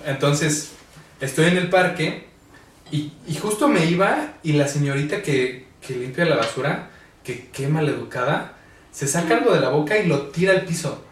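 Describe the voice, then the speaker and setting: A young Mexican man chatting casually and telling a story in a blunt way, swearing freely. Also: fairly high pitch. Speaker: podcast co-host. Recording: roomy, distant mic, light noise.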